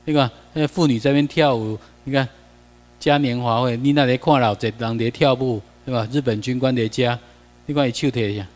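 A man's voice: medium pitch, steady tone, brisk, big-room sound. A man with a Taiwanese accent giving a classroom lecture over slides. He talks in a chatty way, mixes in Taiwanese phrases and keeps asking the class questions.

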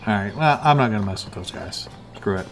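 A man's voice: on the low side, expressive, a little fast, faint music behind. A man casually commenting on a video game he is playing, thinking aloud with plenty of fillers. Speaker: let's play host.

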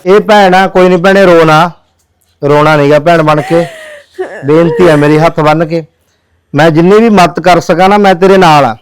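A man's voice: on the high side, fairly even intonation, normal speed, clean tone, poor audio. A man who works as a social worker, pleading earnestly with viewers in a charity appeal video.

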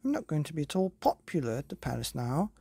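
A woman's voice: low voice, sing-song, fast, vocal fry, mellow, breathy edge, dry recording, clean studio sound, heavily acted. A woman voicing a vain, easily flustered fairy godmother in a storybook, prim and chattering. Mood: rueful. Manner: prim, chattering, self-absorbed.

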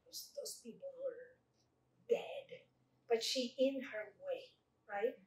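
A woman poet answering audience questions, slow and thoughtful, with many fillers and restarts, standing at a lectern in a library meeting room. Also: medium pitch, animated. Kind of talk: unscripted Q&A at an author talk. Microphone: far room mic. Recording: echoey room recorded from far off.

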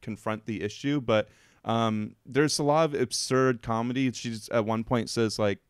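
A man's voice: medium pitch, fairly even intonation, moderate pace, clean tone, dry recording, clean studio sound. A man co-hosting a podcast, chatting casually and emotionally about a film, with lots of fillers. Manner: rambling, emotional, filler-heavy. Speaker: podcast co-host. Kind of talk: casual film review chat.

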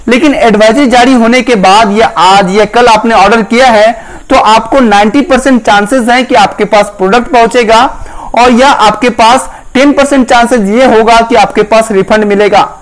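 A man's voice: very high voice, rough recording. A man hosting a tech channel, giving earnest, direct advice to viewers in a voice-over explainer.

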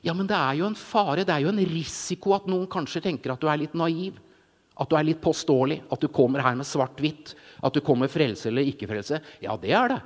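Animated man preaching in a hall. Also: on the high side. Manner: animated storytelling, acts out voices, frequent "ikke sant". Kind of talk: informal sermon testimony. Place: large church hall. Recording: reverberant church hall.

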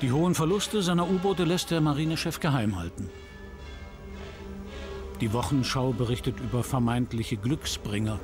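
A man narrates a history documentary in a grave, measured delivery. His pitch is medium and his phrases are short and dramatic, with music clearly playing behind. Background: background music.

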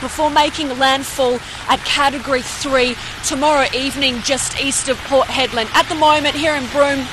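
Australian woman, news reporter, high voice, raised over wind, noisy rainy street. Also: fairly even intonation, normal speed. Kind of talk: live weather report to camera. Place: outdoors on a flooded town street in rain. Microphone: handheld reporter microphone. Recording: loud rain, wind and passing traffic noise. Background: rain and passing vehicles.

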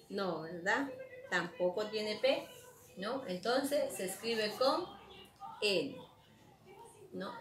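A fairly high, bright-toned woman teaching children to spell, moving at an unhurried, patient pace. She asks a question, then answers it herself, and draws out each word as she pronounces it. The sound carries a noticeable room echo. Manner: drawn-out, emphatic pronunciation of words. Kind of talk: online spelling lesson for children.

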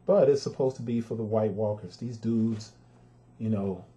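Frustrated man reviewing sneakers, mellow voice. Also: fairly low pitch, normal speed. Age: adult with a son. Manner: frustrated, emphatic, talks to viewers directly. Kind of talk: casual video review.

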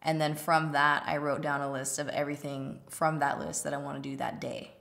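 Low-voiced woman chatting while doing makeup. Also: flat delivery, brisk, creaky, a bit bright. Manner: chatty, informal, talking while applying makeup. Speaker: beauty vlogger, host. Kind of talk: casual get-ready-with-me chit chat while doing makeup. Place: indoor studio set with plain backdrop.

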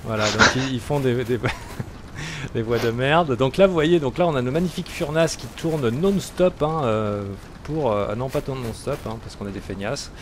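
A man's voice: mid-range voice, moderate pace, background noise. A man giving casual gameplay commentary as a gaming YouTuber, talking in a chatty, hesitant way full of fillers.

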